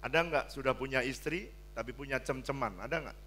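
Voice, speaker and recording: An older man preaching a sermon as pastor, blunt and joking, swinging from hushed pleading to loud exclamations. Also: medium pitch, a little fast, slight background noise. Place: church hall.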